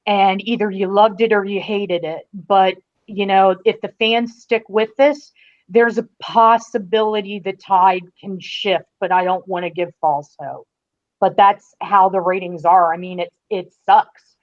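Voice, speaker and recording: A woman with a mid-range, steady voice explains her points at a measured pace as a guest critic in a casual podcast chat, stretching out stressed phrases emphatically. The audio comes through as dull, lo-fi call quality.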